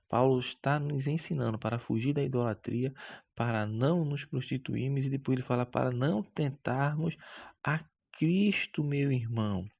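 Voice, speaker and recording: A man teaches a Bible lesson in a gravelly, husky voice. He preaches with emphasis, drawing out key words and calling his listeners brother. The recording is dull and lo-fi. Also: medium pitch, mellow. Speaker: Sunday school teacher.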